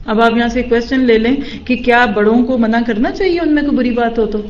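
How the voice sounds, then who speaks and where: A woman's voice: on the high side, echoey room, dull audio, a little hiss or hum. A woman giving a Quran lesson, explaining Arabic words with English terms mixed in, asking questions and then answering them. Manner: asks the listeners questions and answers them herself. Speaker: Quran teacher. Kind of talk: Urdu Quran tafsir lecture.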